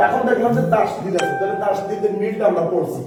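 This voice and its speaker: A man's voice: high-pitched, animated, fast talker, recorded from a distance, music in the background. A man teaching a Quran reading class, explaining step by step and asking the class questions. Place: mosque-side classroom. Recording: echoey room recorded from afar.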